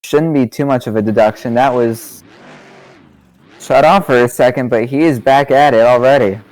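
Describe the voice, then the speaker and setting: A man at an average pitch does laid-back color commentary on a monster truck event. He talks loosely, peppers his remarks with casual fillers, and hands out judge's scores. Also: moderate pace, no room sound. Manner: relaxed, easygoing, says "you know" often.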